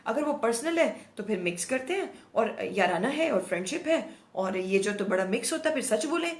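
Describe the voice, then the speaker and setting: A middle-aged woman host with a hoarse throat, talking outspokenly in a casual monologue and mixing in English words. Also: on the high side, fairly quick. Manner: outspoken, animated, mixes English words into Urdu. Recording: echoey room, no proper mic.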